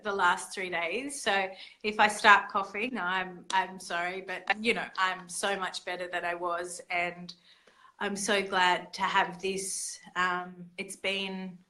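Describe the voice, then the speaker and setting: A woman's voice: on the low side, flat delivery, slow, sharp tone, rough recording. A woman hosting an online women's circle on a video call, talking casually and hesitantly with many fillers and restarts. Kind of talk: casual online gathering talk.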